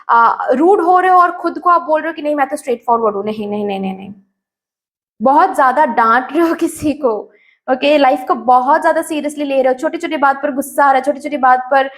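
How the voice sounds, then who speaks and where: A woman giving a tarot reading, speaking straight to the viewer, mixing English words into her Hindi and repeating phrases. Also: high-pitched. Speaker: tarot reader.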